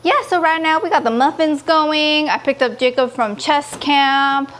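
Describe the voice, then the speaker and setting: A woman from California in her thirties chatting casually to her vlog viewers in an expressive, gushing way. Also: high voice, a little slow, a little hiss or hum. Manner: expressive, pleading and gushing, quotes others in dialogue. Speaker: vlogger.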